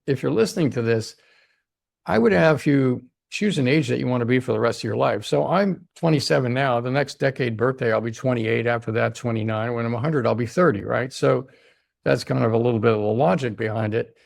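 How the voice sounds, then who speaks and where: A man's voice: mid-range voice, fairly quick, vocal fry, no room sound. A man being interviewed as a longevity doctor, explaining his ideas emphatically and often checking in with "right?". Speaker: longevity doctor, podcast guest.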